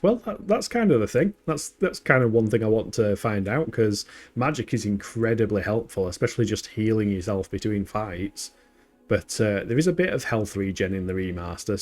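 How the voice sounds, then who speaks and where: A man chats through his gameplay in a relaxed, joking way and laughs often. His voice sits slightly low, and faint music plays underneath. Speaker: game streamer. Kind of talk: casual gameplay commentary.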